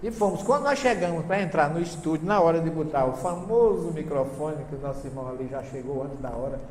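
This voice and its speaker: Man, Northeastern Brazilian accent, seminar lecturer, higher-pitched voice, joking and telling anecdotes, recorded in an echoey hall. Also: lively intonation, quick pace, a little mellow. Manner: humorous storytelling, asks the audience questions. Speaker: seminar lecturer on Bible translations. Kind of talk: lively seminar talk with anecdotes. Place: lecture hall before an audience. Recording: echoey hall with long reverb, faint hiss.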